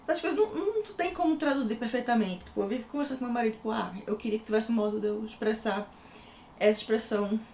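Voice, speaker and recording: Talking at a quick pace, this young adult woman has a slightly high voice with a darkish tone and speaks with a Recife Pernambuco Portuguese accent; she's from Recife, Pernambuco, Brazil. She chats casually and fills her book review vlog with fillers. The echoey room has a little hiss or hum.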